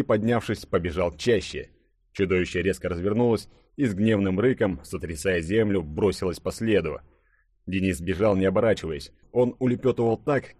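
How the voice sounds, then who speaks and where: A man narrating an audiobook in a lively storytelling manner, close to the mic. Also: low voice, breathy edge, dry recording. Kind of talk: scripted narration.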